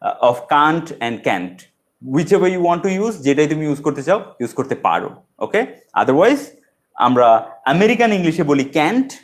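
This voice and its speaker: A man with a Bengali accent giving an online English grammar lesson, switching between languages and repeating examples slowly, correcting himself as he goes. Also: mid-range voice. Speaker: English teacher.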